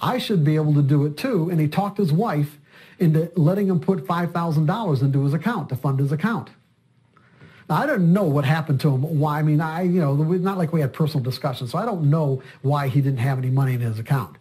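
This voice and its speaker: A man's voice: fairly high pitch, a little fast, dark tone. An older man, a trading coach, telling a story in an interview in a rambling way and often repeating words.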